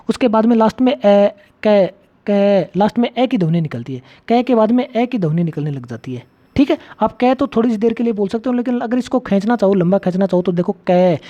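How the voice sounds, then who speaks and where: Here a high-pitched man with a warm tone lectures exam students on grammar. He keeps quizzing the class and restating the main points, and the recording is somewhat dull and lo-fi.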